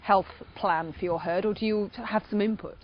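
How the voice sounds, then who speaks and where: A woman's voice: mid-range voice, steady tone, moderate pace, dull audio, slight background noise. A woman presenting and asking interview questions on a farm.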